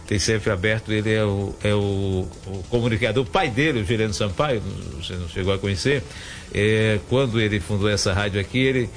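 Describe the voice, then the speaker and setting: Chatty middle-aged radio host. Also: male voice, lowish voice, brisk. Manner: chatty, rambling, many restarts. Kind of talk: radio interview.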